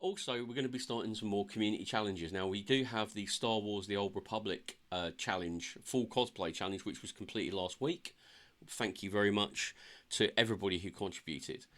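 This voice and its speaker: A man with a low voice opens his game stream in a relaxed, chatty way. He talks upbeat but sounds a bit tired, and his talk is full of ums and restarts. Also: brisk. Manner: chatty and upbeat, with many fillers. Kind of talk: casual live-stream chat.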